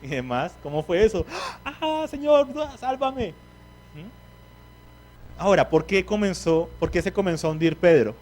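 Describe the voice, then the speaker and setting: Male preacher, higher voice, animated teacher who quizzes his congregation and acts out quotes. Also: fairly quick, few pauses. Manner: acts out the quoted speech of biblical figures. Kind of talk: sermon.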